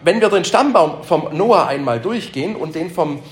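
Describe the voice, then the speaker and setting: A man leads a Bible lesson before a live group, his slightly high voice swinging widely up and down as he quizzes them and echoes back their answers. The room is echoey, with a faint hum of ambience behind him. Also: animated, normal speed. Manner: keeps asking the group questions, repeats their answers; emphatic repetitions. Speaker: Bible study teacher.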